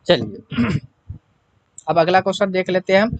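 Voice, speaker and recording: A man's voice: high-pitched, no room sound. A male language teacher walking through exam-prep questions, repeating each question to the class and then answering it himself. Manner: fills pauses with "है ना". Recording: dull lo-fi recording with clear background noise.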